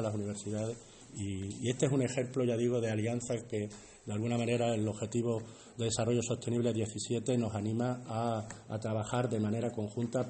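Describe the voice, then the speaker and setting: Mellow man with a Spain Spanish accent. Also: fairly low pitch. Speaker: event host. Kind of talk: semi-improvised public welcome speech. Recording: faint background noise.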